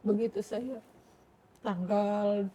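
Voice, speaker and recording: Mellow-voiced woman telling her story. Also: mid-range voice, drawn-out words, breathy edge. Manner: animated, acts out her own past words and prayers. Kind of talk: emotional personal storytelling.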